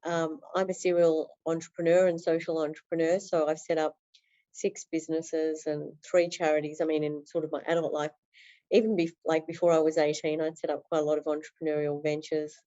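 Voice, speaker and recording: A woman's voice: sits low, flat delivery, a little fast, dark tone, lo-fi sound. A woman talking earnestly as a podcast guest in a flowing interview, with many fillers. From Australia. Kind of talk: interview conversation.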